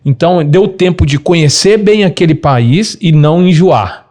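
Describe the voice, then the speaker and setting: Lively mineiro man giving travel tips. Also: moderate pace. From Minas Gerais, Brazil. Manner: animated, gives practical tips with lively pitch swings. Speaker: podcast guest, travel advisor. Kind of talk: casual conversational interview.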